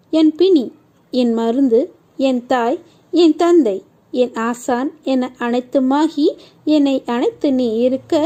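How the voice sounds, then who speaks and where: A woman reading a scripted devotional message in a tender, consoling tone, speaking to the listener in a deity's first-person voice. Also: high-pitched. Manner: steady, reading cadence in long lists of short phrases.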